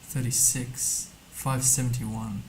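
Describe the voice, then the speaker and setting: A man's voice: mid-range voice, little pitch movement, slow, a little mellow, a little hiss or hum, poor audio. A man streaming a map game, thinking aloud casually as he mutters guesses and reads numbers to himself. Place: indoor streaming setup.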